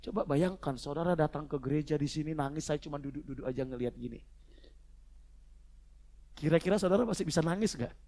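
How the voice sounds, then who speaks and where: A man preaching a sermon to his congregation, moving between quiet, low asides and loud, fervent shouting. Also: fast, pauses often. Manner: addresses the congregation as "saudara". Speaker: pastor. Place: church service.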